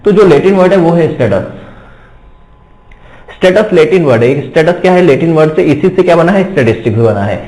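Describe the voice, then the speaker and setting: A man teaching an exam-prep statistics lecture, who explains slowly, repeats key words and answers his own questions. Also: on the high side, animated, darkish tone, echoey room, low-quality recording.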